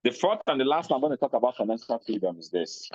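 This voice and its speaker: A man with a Nigerian accent giving a motivational talk, animated, acting out little scenes in a raised voice. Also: medium pitch, fast talker, dry recording, dull audio. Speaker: speaker on personal finance.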